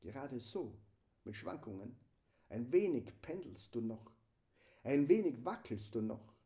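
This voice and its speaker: A man delivering a slow, solemn spiritual meditation, often sinking into a hushed whisper. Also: mid-range voice, sing-song. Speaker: preacher.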